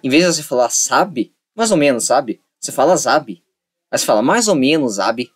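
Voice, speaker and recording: A man's voice: medium pitch, big pitch swings, fast. A young man giving a casual, repetitive lesson and acting out little dialogues to make a point. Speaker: online tutor.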